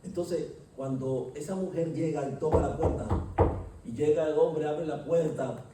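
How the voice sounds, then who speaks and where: A preacher giving an emphatic sermon and often asking the congregation rhetorical questions. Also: male voice, a little high, unhurried, noisy background. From Colombia. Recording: echoey hall, distant mic.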